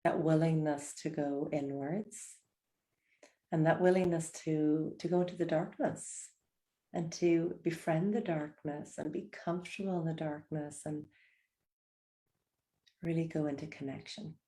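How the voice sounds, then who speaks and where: A woman leading a guided breathing meditation, speaking softly and slowly with gentle invitations. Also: low-pitched, fairly even intonation. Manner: soft, slow and soothing, gentle invitations.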